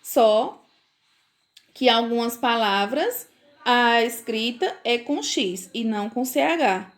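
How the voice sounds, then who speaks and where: A woman from Brazil who teaches young children, giving a recorded phonics lesson, sounding out words slowly and checking often that the children follow. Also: fairly high pitch. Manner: slow, careful pronunciation with frequent checks for understanding. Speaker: primary school teacher.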